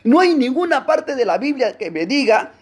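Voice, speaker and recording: Husky, lively-voiced man teaching the Bible. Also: normal speed. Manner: emphatic, swings between loud exclamations and low asides; rhetorical questions to the listener. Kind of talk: impassioned Bible class preaching.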